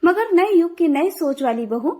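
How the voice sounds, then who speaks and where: A woman narrating a scripted devotional folk tale in a steady, earnest storytelling manner. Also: very high voice, normal speed. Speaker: storyteller, channel host.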